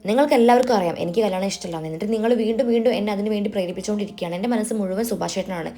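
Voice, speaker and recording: A defiant young woman from a serial, stubborn and insistent as she stands up to her mother, read out by a woman. The lines come very fast, at an ordinary middle pitch. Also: warm tone, close to an everyday voice.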